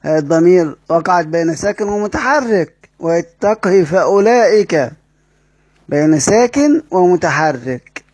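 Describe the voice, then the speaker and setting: Man, Egyptian accent, recitation teacher, high-pitched, drawn-out chanted quotes, dry close recording. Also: darkish tone, husky, no echo. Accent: Egyptian Arabic. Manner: repeats key phrases, asks and answers his own questions, drawn-out chanted quotes. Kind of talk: classroom explanation.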